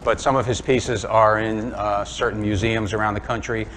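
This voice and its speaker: A man in his sixties from Brooklyn, with a New York accent, gives a chatty, self-deprecating woodturning demonstration to a club audience in a workshop or club room, packing his talk with ums and uhs. His voice is fairly low, a bit bright and flat, at a moderate pace, with slight background noise.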